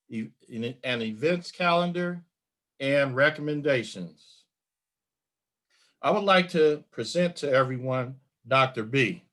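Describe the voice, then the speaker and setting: A middle-aged man hosting a community podcast interview, speaking in a measured, formal way. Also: on the high side, fairly bright tone. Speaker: podcast host.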